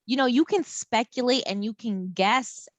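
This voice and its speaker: A woman professor lecturing a college class over a video call, chatty and lively, often repeating words. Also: a little high, moderate pace.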